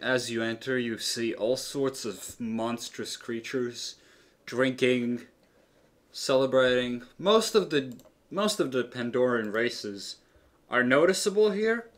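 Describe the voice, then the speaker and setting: A man's voice: mid-range voice, slow. A man running a tabletop roleplaying game, describing the scene with many fillers and restarts. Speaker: game master.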